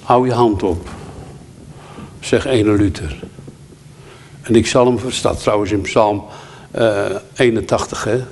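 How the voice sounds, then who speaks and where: A man's voice: lowish voice, takes it slowly, long pauses, a little hiss or hum. A man preaching a sermon, earnest, quoting scripture and hymn verses and telling a pastoral story. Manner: earnest, quotes scripture and hymns.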